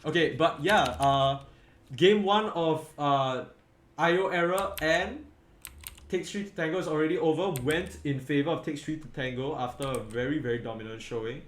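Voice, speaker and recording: Speaking at a moderate pace with a voice on the high side, a weary esports caster yawns through loose game commentary. He drifts off topic, fixes his own sentences halfway and relies on filler words, all in an echoey space with slight background noise.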